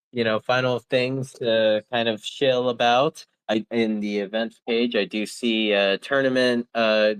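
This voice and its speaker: A man hosting a casual online community call, talking in a relaxed, rambling way with many fillers. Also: mid-range voice, smooth, no room sound, low-quality recording.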